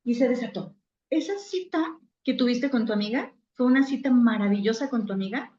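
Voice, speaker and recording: Psychologist lecturing, woman, high voice, dull lo-fi sound. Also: lively intonation, brisk, dark tone, echoey room, a little hiss or hum. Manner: conversational, acts out little scenes with quoted voices. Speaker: psychologist giving a talk. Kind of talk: virtual conference talk.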